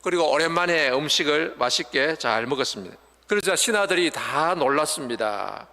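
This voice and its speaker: A man's voice: a little high, expressive, moderate pace, bright, forceful tone. An older man preaching a Sunday sermon in earnest, explanatory tones, sometimes acting out wailing mourners. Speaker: pastor. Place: church sanctuary. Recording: long church hall reverb.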